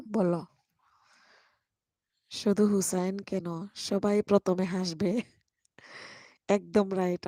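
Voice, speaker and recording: A woman hosting a casual live stream and reading out comments, hoarse from a cold, laughing a lot and drawing her words out. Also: lowish voice, dark tone, no echo, clean studio sound. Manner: laughs a lot, slow and drawn-out.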